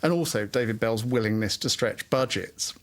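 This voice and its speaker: A man's voice: lowish voice, moderate pace. A man interviewed for a documentary, telling an anecdote and quoting a catchphrase.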